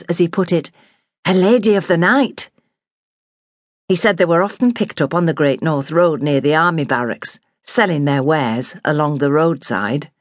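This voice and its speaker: A woman narrating a memoir in a measured, plain storytelling manner. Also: sits low, no echo, clean studio sound.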